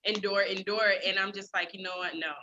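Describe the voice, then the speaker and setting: A woman's voice: medium pitch, steady tone, brisk, dull audio, a crowd in the background. A woman speaking candidly in a casual panel chat, earnest and repeating herself for emphasis.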